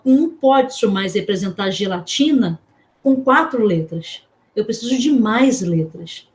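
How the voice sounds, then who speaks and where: Brazilian woman teaching, asking the class questions. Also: a little high. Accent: Brazilian Portuguese. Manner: explains with questions to the class, checking in with "certo?"; spells out letters slowly. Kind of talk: online class lecture.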